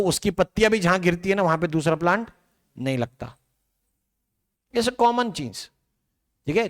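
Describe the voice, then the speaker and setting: A man giving a biology lecture to a large classroom. He talks in a loose, conversational way and keeps checking in with rhetorical questions. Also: a little high. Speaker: biology teacher.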